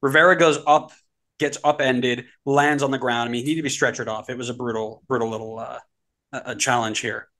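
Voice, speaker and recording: A man co-hosting a casual soccer podcast, telling stories in an animated way, his pitch climbing as he gets excited. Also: fairly quick. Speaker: podcast co-host.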